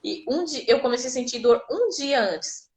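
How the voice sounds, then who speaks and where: A woman's voice: high voice, expressive, normal speed, darkish tone. A Brazilian woman telling her birth story casually and vividly, acting out the people she quotes. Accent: Brazilian Portuguese.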